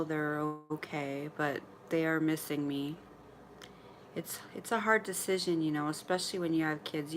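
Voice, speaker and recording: Livestreaming from her mother's apartment, a woman in her forties with a strikingly low voice chats candidly with her followers. She laughs readily and now and then speaks while eating. A faint room hum runs beneath her.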